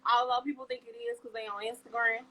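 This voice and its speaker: A woman from Chicago co-hosting a podcast in casual chat, animated and slangy, laughing often. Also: a little high, quick pace, poor audio. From Chicago, USA. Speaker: podcast co-host.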